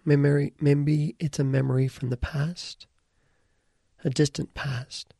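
A man leading a slow guided visualization, calm and soft-spoken, sometimes slipping into a whisper. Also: a little high, creaky, no room sound, studio quality. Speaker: guided meditation leader.

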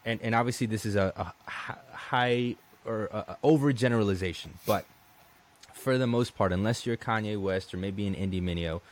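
A brisk, low-voiced man from Colombia runs a podcast, keeping the interview chat casual. He talks conversationally, starting his sentences over again and again and saying "man" often.

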